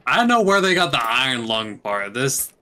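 A man's voice: medium pitch, very animated, normal speed, bright, forceful tone, slight background noise. A man chatting casually with a friend while playing a game, teasing and bantering. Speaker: gamer. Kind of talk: casual gaming chat.

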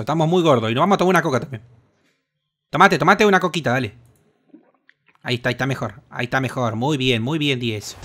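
High, bright-voiced Rioplatense man gaming. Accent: Rioplatense Spanish. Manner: crude, excitable, swearing a lot. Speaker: gaming host. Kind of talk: casual gameplay commentary.

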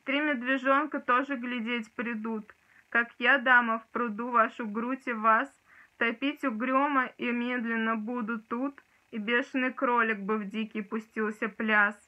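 Young woman declaiming poetry, bright and forceful. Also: fairly high pitch, fairly even intonation, unhurried. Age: young adult. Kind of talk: dramatic poetry declamation from a book. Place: small room indoors. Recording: dull, lo-fi sound.

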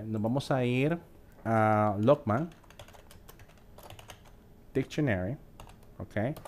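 A man's voice: medium pitch, darkish tone. Man teaching English vocabulary step by step. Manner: explains step by step, checks in with "¿ok?" and "¿verdad?"; reads English words and definitions slowly. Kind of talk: screen-share vocabulary lesson.

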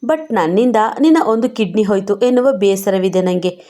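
A woman voicing a hot-headed young husband who talks bluntly and roughly yet consoles his wife, in a mellow tone. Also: mid-range voice, normal speed, lightly acted. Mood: consoling. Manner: blunt, rough-tongued, tender reassurance.

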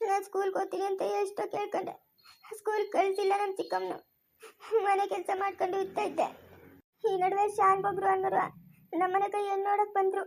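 A woman playing a mistreated young village woman with a rural Chikkaballapur Kannada accent, telling her story softly and haltingly through tears in a homemade family skit. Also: very high-pitched, monotone. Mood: tearful. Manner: soft, halting, tearful storytelling.

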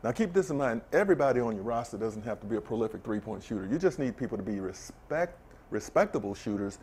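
A middle-aged man speaking as a guest on a TV sports set, steady and explanatory, his voice sitting at an ordinary middle pitch. He talks things through with examples, picked up by a lapel mic. A faint studio ambience sits underneath. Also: fast, slight background noise. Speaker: guest, former basketball player and camp director. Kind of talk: casual studio chat.

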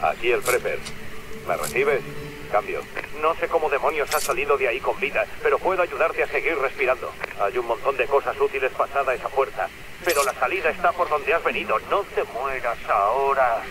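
A man's voice: medium pitch, animated, brisk, noisy background. A man playing a survivalist who guides a survivor over a walkie-talkie, with clipped radio talk. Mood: urgent.

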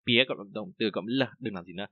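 A Chinese teacher with a Vietnamese accent gives a language lesson, reading example sentences slowly and then explaining them in a casual, chatty way. He has a lowish voice, and the audio is narrow and tinny with no echo.

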